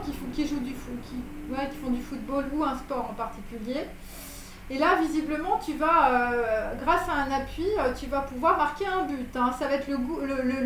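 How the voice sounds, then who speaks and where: A woman giving a casual tarot reading to viewers, rambling with many fillers and restarts. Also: sits high. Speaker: tarot reader. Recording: echoey room with faint noise.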